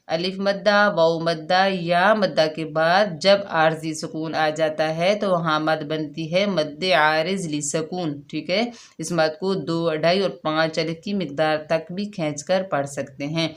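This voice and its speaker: A woman teaching a Quran recitation lesson step by step, patiently explaining each rule and drawing out syllables slowly when she models them. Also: lowish voice.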